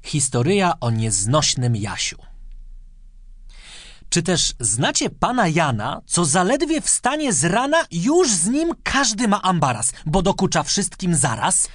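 A woman recites a children's rhyme in a sing-song, expressive manner, her pitch rising and falling widely. She reads slowly and clearly. Her voice is bright and sits close to a dry microphone. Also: dry recording. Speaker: reader. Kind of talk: reading a children's poem aloud.

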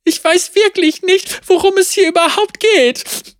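Woman playing a young apprentice woman, desperate, tearful, high strained voice, storybook reading, dry close sound. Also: sing-song, moderate pace, no echo. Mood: pleading. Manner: pleading, sobbing, high and strained.

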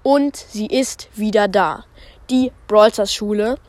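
Slow-telling woman narrator. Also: medium pitch, a little mellow, dry recording. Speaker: narrator and host. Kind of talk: storytelling narration.

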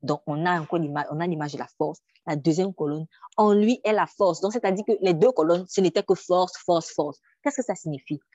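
Woman preacher, sermon, low-pitched, dark mellow tone, emphatic, rhetorical questions, dull dry recording. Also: a little fast, few pauses, no echo.

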